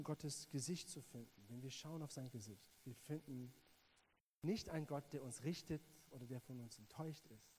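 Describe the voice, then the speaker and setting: A native English-speaking South African man, accent clearly South African, preaches earnestly in a halting way, repeatedly echoing words as he addresses the listener. His mid-range voice is mellow, but the audio is poor and carries a slight hiss or hum.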